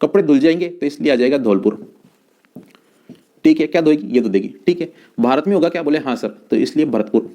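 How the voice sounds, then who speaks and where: A man teaching an exam-prep class in a slightly high voice. He coaxes the room with repeated questions and often answers for his students in a lower voice. He talks like a patient teacher, calling the students his children. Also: lively intonation, brisk, warm tone. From India. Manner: repetitive, coaxing, calls students "my children". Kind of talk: exam-prep lesson with a memory story.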